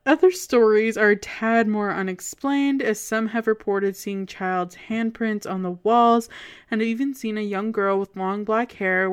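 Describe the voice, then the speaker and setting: A woman with a Canadian accent and a clear, smooth voice, co-hosting a podcast and telling local ghost lore in a conversational way. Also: mid-range voice. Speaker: podcast co-host.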